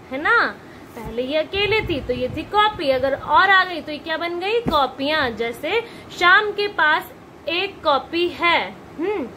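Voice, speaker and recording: Patient high-voiced woman teacher. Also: pushed and bright, a little hiss or hum. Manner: patient, repetitive questioning, calls pupils beta. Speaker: primary school teacher. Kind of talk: online grammar lesson for children.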